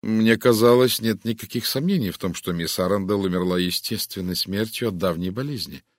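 A man reading an audiobook, voicing a stiff young doctor with a measured, condescending manner. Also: on the low side, dry recording, studio quality, natural voice.

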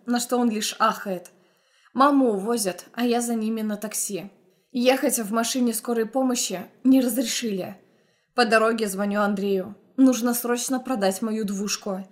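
A young woman narrating a first-person audiobook in an intense, emotional storytelling manner. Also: on the high side.

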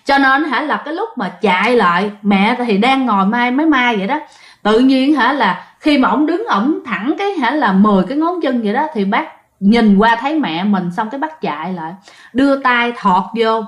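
A woman's voice: a little high, expressive, normal speed. A woman telling a ghost story in a chatty way, talking straight to her listeners. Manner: chatty, addressing listeners directly. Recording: echoey room.

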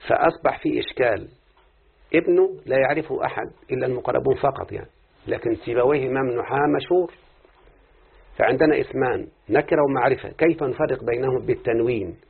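A man's voice: mid-range voice, creaky, breathy edge. A man teaching Arabic grammar, often quizzing his students with questions. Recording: tinny phone-like recording.

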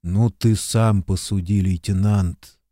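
A man's voice: deep voice, steady tone, slow pace, mellow, dry recording, studio quality. A man voicing a weary, pragmatic male Soviet soldier in an audiobook, talking in a muted, persuading way.

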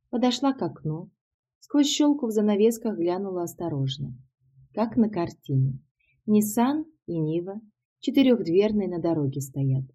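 A woman reading a first-person novel aloud, steady and matter-of-fact. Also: lowish voice, breathy edge, dull audio. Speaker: audiobook narrator. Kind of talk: first-person audiobook narration.

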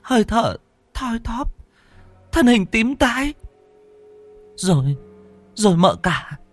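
A man's voice: very high voice, fairly bright tone, dry recording, pitched above the performer's own voice, heavily acted. A man voicing a frightened young female servant who stammers and pleads through tears.

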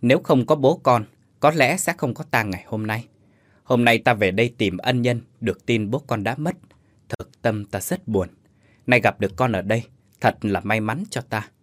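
A solemn old man near sixty, as a male storyteller plays him speaks in a grave, measured way. The sound is close and dry. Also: medium pitch, no room sound, close to an everyday voice.

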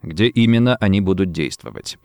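A male narrator voicing a calm, cold detective who speaks slowly and softly with quiet menace. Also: low-pitched, pitched below the performer's own voice. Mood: cold threat. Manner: slow, soft and menacing.

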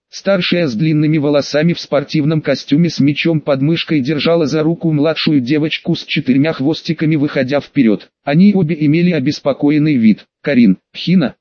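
Male audiobook narrator, slightly high voice, dramatic steady read, dry lo-fi sound. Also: dry recording. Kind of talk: scripted narration of fan fiction. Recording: dull lo-fi, dry home recording.

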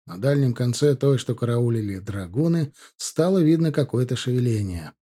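A man narrating an audiobook in an even, measured storytelling manner. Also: medium pitch, slightly rough. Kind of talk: scripted narration.

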